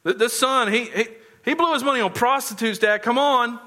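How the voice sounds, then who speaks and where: A man's voice: very high-pitched, normal speed, sharp tone, pitched above the performer's own voice. A man voicing a resentful, self-pitying elder son who complains indignantly.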